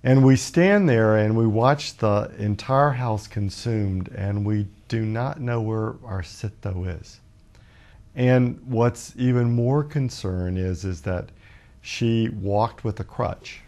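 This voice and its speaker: A man in his fifties from Alabama, a guest author telling a personal story in a measured, reflective way with many pauses. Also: on the low side, a little mellow. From Birmingham, Alabama, USA. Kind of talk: personal storytelling in a talk show interview.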